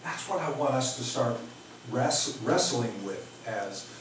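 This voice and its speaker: A middle-aged pastor from Oklahoma preaches informally to his congregation, unhurried and reflective, with lively intonation and wide pitch swings. He halts, repeats words, and pauses for emphasis. The small indoor church sanctuary sounds echoey, picked up by a distant microphone with faint noise.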